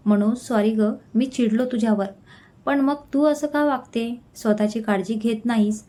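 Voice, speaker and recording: A woman's voice: fairly high pitch, moderate pace, dark tone, lightly acted. A woman voicing a caring young man who worries over and scolds his friends, in an earnest tone. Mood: concerned.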